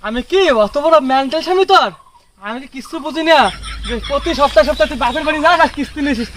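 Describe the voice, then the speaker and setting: A man plays a jealous husband who scolds and accuses in a high, quick voice, repeating his lines over and over. He half laughs through the anger, like a homemade comedy skit shot outdoors in a garden. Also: fairly bright tone, slight background noise. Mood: mocking. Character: jealous angry husband, middle-aged man. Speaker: channel host in a family skit. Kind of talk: amateur comedy skit acting.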